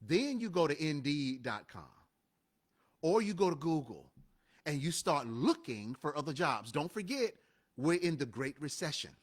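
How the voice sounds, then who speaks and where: A man co-hosting a casual motivational talk show tells stories with real emphasis. His voice sits a bit high for a man and swings widely in pitch, so every point he makes lands with energy. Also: moderate pace. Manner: animated, emphatic storytelling. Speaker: co-host of a live show and podcast.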